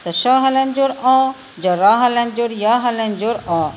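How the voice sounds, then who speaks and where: In a recorded lesson for children, a woman teacher with a Bihari Hindi accent patiently spells out letters one at a time. Her voice is a little high and slow, and there's slight hiss or hum.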